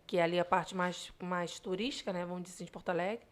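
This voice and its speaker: This podcast guest, a Rio-raised Brazilian woman who works in digital marketing, speaks with a Rio de Janeiro Brazilian Portuguese accent. She talks fast in a fairly low, steady voice, explaining things during a casual interview conversation.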